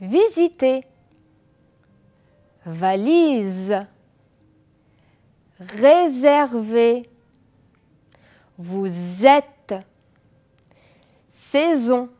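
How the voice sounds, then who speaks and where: Slow, lively woman teaching French sounds. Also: a little high. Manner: slow, deliberate drilling with repeated checks. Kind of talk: educational TV pronunciation lesson. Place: TV studio.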